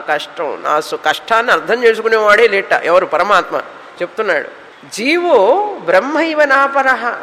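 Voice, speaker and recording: Male spiritual teacher, high bright voice, rhetorical questions, chants verses, reverberant hall with faint hiss. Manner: rhetorical questions answered himself, repeats key words; chants Sanskrit verses slowly. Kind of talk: Vedanta discourse.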